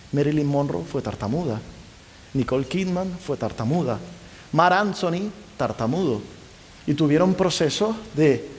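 A middle-aged man lecturing a live audience, his fairly high voice carried by a long hall reverb. He talks in an animated way and keeps tossing quick questions back at the crowd. A faint hiss sits under the recording. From Spain. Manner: lively, keeps asking the audience rhetorical questions. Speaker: university lecturer.

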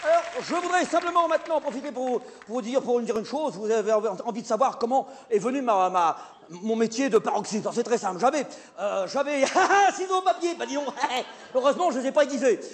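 Guy doing a high-voiced stammering theatre director, all flustered, live crowd noise behind. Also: brisk, hardly any pauses. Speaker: comic stage performer. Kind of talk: live stand-up sketch. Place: theatre stage with live audience. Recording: live stage recording, audience noise.

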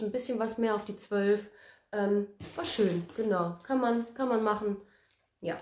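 A woman's voice: medium pitch, a little mellow, reverberant. A woman chatting casually as a vlogger, reviewing things she used up, with lots of fillers and tag questions. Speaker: scent vlogger.

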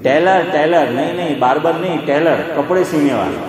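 A man's voice: a little high, moderate pace. Male scholar, conversational lecturing style, reverberant hall with audible crowd. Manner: conversational, asks listeners rhetorical questions. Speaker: Islamic scholar. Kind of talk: religious lecture.

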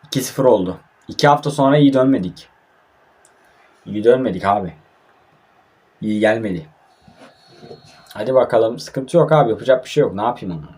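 A man's voice: mid-range voice, lively intonation, fairly quick, long pauses, a little mellow, breathy edge. A young man from Turkey giving casual, frustrated commentary while playing a mobile football game, grumbling and swearing often.

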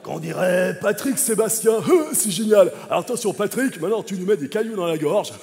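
A man's voice: high voice, expressive, fairly quick, vocal fry, darkish tone, faint music behind. A man performing a comedy sketch on stage, jumping between many impressions and snatches of song. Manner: jumps between many celebrity impressions, singing bits. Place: large theatre stage. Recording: hall reverb with live audience.

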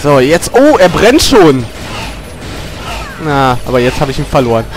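A man commenting on his own gameplay, grumbling and cursing at the game, with loud yelps and outbursts whenever he gets hit. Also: on the high side, big pitch swings, unhurried, faint music behind. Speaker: let's player. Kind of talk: gaming commentary.

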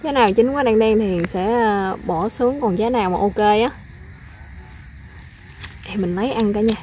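A woman's voice: medium pitch, moderate pace, dark tone, a little hiss or hum. A woman, chatting casually to viewers while picking in her garden. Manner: chatty, addresses viewers often. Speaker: vlogger, mother. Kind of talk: casual garden vlog chat. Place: outdoor home garden.

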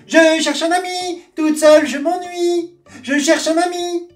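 A woman's voice: on the high side, normal speed, darkish tone, pitched above the performer's own voice, lightly acted. A woman voicing a naive, chattering little swamp creature looking for a friend, in a storybook reading. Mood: eager. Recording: roomy, distant mic, faint guitar.

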